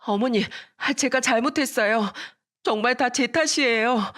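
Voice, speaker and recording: A woman's voice: mid-range voice, animated, normal speed, natural voice. A woman voicing a scheming young daughter-in-law who mocks her mother-in-law and then begs for forgiveness. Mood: pleading. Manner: smug on the phone, tearful pleading to her mother-in-law.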